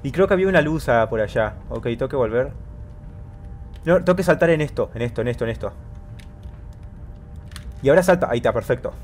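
A man talks himself through a platform game at a desk mic, chatty and matter-of-fact between jumps. When danger hits he breaks into rapid repeated cries, his pitch swinging high. Faint game music plays underneath. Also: lively intonation, darkish tone. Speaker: gameplay commentator. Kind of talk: casual let's-play commentary.

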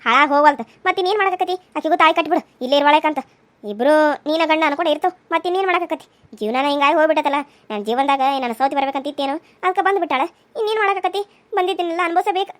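A betrayed young wife in a cartoon serial, voiced by a woman speaks bitterly. Her voice is very high and she talks fast. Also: fairly bright tone. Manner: bitter, grieving. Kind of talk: cartoon voice acting.

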